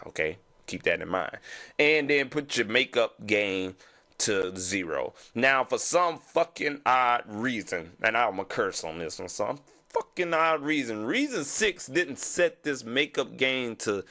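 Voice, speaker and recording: A man's voice: lowish voice, bright, forceful tone. Stuffy Houston man teaching beatmaking. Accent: Southern US, Houston. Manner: loose, repeats "you know what I'm saying". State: stuffy from sinuses. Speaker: music production tutor. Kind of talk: casual screen-recording tutorial.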